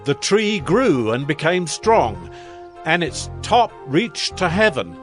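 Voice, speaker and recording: Grandiose King Nebuchadnezzar, swooping slow delivery. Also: on the high side, sing-song, a bit bright, faint music behind, heavily acted. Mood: awed recounting. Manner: declamatory, solemn, measured royal delivery. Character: proud, grandiose ancient Babylonian king, awed by wonders. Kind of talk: dramatized audio scripture acting.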